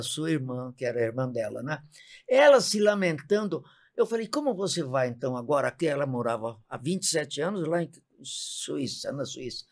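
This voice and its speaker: A woman over one hundred, a podcast guest, telling a family story and acting out the dialogue. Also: sits low. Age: 100s. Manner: lively, acts out quoted dialogue. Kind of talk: casual storytelling.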